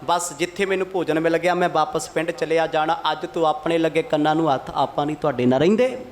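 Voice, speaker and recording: A man's voice: on the high side, fast, pitched below the performer's own voice, natural voice. Man playing a starving, begging companion. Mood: desperate pleading. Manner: whiny, begging, sulky complaining. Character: starving desperate grown male companion, pleading.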